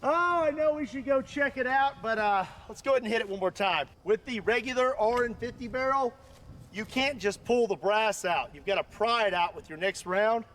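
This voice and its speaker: An American man talking casually and excitably as he hosts an unscripted outdoor demonstration. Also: extremely high pitch, moderate pace, slight background noise. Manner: excitable, exclaiming. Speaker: host of a shooting video. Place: outdoors at a shooting range.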